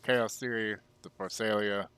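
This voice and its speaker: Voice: mid-range voice, steady tone, a little slow, fairly bright tone, clear, resonant tone. A gameplay commentator chatting casually, with a crude, joking, slangy way of talking. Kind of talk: casual chat over gameplay.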